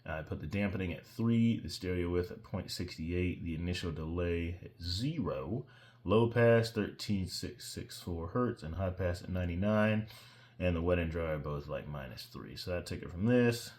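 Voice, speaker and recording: A man with a very deep voice talks through his own mixing session in a loose, offhand way. He rambles, drifts off topic now and then, and makes fun of his own skills. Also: normal speed, a little mellow. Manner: rambling, self-deprecating, digresses. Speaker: musician walking through his own mix. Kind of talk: casual screen-share tutorial.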